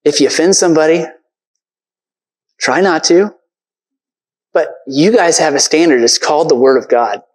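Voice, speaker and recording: A man's voice: fairly high pitch, moderate pace, pauses often, low-quality recording. A man preaching a casual, earnest sermon from a church stage, talking conversationally with lots of fillers.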